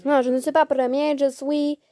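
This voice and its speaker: A woman's voice: high voice, little pitch movement, normal speed, warm tone. A woman hosting a casual gameplay video, swearing freely and narrating in a mock-formal tone.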